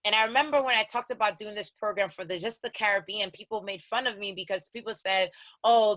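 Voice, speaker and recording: Sharp in tone and mid-range in pitch, this woman's voice comes through a dry, low-quality recording. In her thirties, from Haiti but speaking with an American accent, she's an accelerator co-founder running an online program orientation, talking directly and conversationally and going over key instructions more than once.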